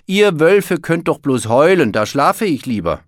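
A man's voice: medium pitch, animated, normal speed, no echo, clean studio sound, voice pushed up, natural voice. A man voicing a proud, bragging young male bear cub in a children's storybook reading. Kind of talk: storybook read-aloud.

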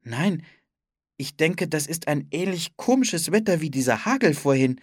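A storybook reader voicing a young boy who urges his sister on with hurried exclamations. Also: mid-range voice, expressive, slightly rough, no room sound, studio quality, pitched above the performer's own voice. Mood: calm urging. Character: young boy, brisk and excitable brother. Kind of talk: audiobook character voice.

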